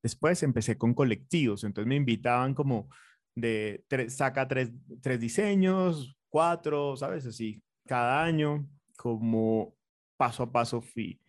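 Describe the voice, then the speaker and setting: A designer with a Colombian Spanish accent speaks at medium pitch in an unhurried way during a conversational interview. He sounds earnest and reflective, using fillers and restarting sentences, and there's no echo.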